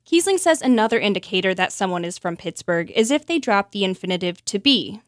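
A woman's voice: medium pitch, expressive, a little fast. A woman radio host reading scripted explanatory narration for a public radio podcast.

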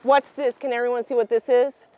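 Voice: medium pitch, level tone, fairly quick, mellow, slight background noise. A drag queen reading to preschoolers in a sassy, campy, theatrical way, tossing exclamations and questions out to the listeners. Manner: theatrical, exclamatory, prompts the audience to call back. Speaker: storytime reader and performer for preschoolers. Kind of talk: animated children's read-aloud with audience questions.

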